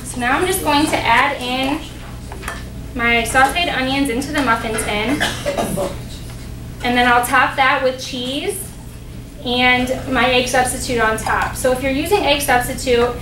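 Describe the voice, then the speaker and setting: A young woman with a slightly high voice talks through a recipe step by step, friendly and full of ums. She is heard from a distance in a large, echoing demonstration kitchen with a steady hum of noise behind her. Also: unhurried. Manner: friendly, explanatory, many ums and uhs. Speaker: dietetic intern doing a cooking demo. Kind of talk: cooking demonstration. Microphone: distant camera mic. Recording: roomy kitchen sound from afar, background noise.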